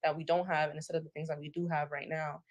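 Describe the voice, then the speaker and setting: A woman in a casual discussion, reflecting lively on her own experiences. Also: deep voice, quick pace, no echo. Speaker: podcast guest.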